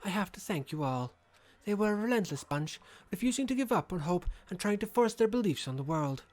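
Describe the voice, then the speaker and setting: Woman voicing a gloating young villainess, coldly satisfied, swinging pitch. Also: animated, fairly quick, darkish tone, natural voice. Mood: cold satisfaction. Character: gloating young female villain, theatrical, switching moods. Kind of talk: acted video game dialogue.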